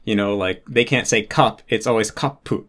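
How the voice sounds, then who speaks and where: Man explaining things at a relaxed, chatty pace. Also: lowish voice, fairly quick. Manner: thoughtful, explanatory, many "like" fillers. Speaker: interview guest, Japanese learner. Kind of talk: casual conversational explanation.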